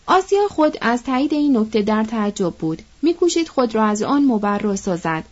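A woman reading a novel aloud in measured, literary narration. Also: a little high, big pitch swings, a little mellow, highs cut off. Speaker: audiobook narrator.

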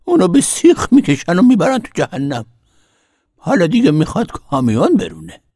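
A man voicing a fiery, pious old grandmother with a screechy, shrill voice in an audiobook. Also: sing-song, creaky, dark tone, husky, no room sound, clean studio sound, heavily acted. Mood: scolding.

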